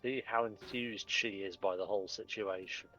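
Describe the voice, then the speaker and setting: A man's voice: on the low side, steady tone, moderate pace, sharp tone, muffled recording, faint music behind. A man chatting on a stream with a friend, making dry teasing remarks. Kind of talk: casual chat.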